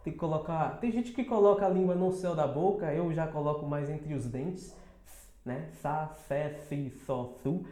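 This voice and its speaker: A Brazilian man giving a casual pronunciation lesson as a teacher, checking in with quick tag questions and slowly repeating words as models. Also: on the high side, warm tone. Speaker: English teacher. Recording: echoey room.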